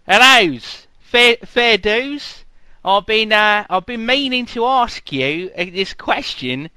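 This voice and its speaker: A man doing a fawning Australian fan, high and bright. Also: animated, clean tone, dry recording, heavily acted. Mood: earnest. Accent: exaggerated fake Australian. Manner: hesitant, fawning, drawn-out. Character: eager young male Australian fan.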